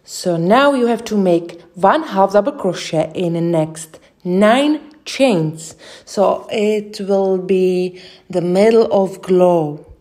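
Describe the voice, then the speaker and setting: A young Czech woman with a Czech accent, giving slow step-by-step crochet instructions with frequent hesitations. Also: medium pitch, darkish tone. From Czech Republic. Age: young adult. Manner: slow, careful, with many hesitations. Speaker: crochet tutorial host.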